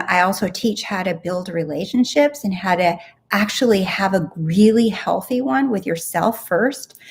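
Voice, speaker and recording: A woman hosting a casual live-stream Q&A as a manifestation coach, talking in an upbeat, emphatic way with blunt asides. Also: lowish voice. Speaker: manifestation coach and show host.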